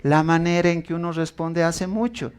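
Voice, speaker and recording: A man's voice: on the high side, normal speed, clear, resonant tone. A man preaching a sermon, telling stories with acted-out quotes and asking the congregation questions.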